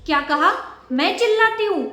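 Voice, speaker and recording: A woman's voice: very high voice, lively intonation, moderate pace, pushed and bright, reverberant, faint music behind, full character voice. A woman playing a nagging, demanding elderly grandmother who scolds and accuses the household. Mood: indignant.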